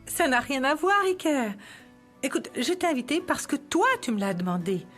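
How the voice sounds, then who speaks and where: Firm, high-voiced estranged wife. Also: female voice, very animated, moderate pace, faint music behind. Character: firm, independent mother, estranged wife refusing reconciliation. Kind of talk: dubbed television drama acting.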